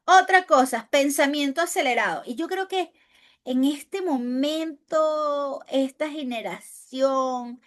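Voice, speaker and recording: A woman teacher with a Venezuelan accent, giving a lively classroom lecture on handling pressure, often asking rhetorical questions and swinging between loud and soft. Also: high voice, takes it slowly. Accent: Venezuelan Spanish. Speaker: teacher of spokesperson training.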